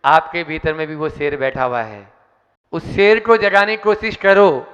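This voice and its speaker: Brief: man, high bright voice, rousing sermon, long hall reverb. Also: fairly even intonation, unhurried, clean tone, highs cut off. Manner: rousing, declamatory, recites verse. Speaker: monk introducing the main speaker. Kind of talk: devotional sermon. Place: large hall, preaching from a stage.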